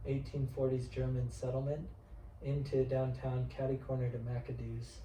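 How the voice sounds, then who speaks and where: A man's voice: mid-range voice, completely flat delivery, normal speed, warm tone, slight background noise. Man, chatty auctioneer, rambling, self-correcting, mid-range voice, echoey room, mic far off. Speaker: auctioneer and art specialist. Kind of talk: casual interview conversation. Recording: roomy sound from a distant mic.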